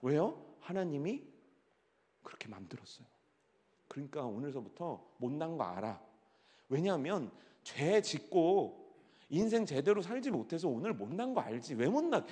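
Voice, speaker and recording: Middle-aged male pastor, high and lively voice, teasing and animated, long church-hall reverb. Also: normal speed. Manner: animated, teasing the audience, swings from hushed to shouting. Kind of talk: lively youth-worship sermon.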